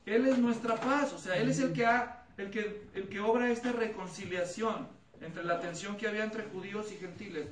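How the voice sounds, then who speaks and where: A man's voice: high-pitched, fairly even intonation, normal speed, few pauses. A man preaching an expository Bible study, asking the congregation questions, repeating their answers back and acting out voices in his stories. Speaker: pastor teaching a Bible study. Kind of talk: expository sermon with anecdotes. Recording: echoey room, mic at a distance, noisy.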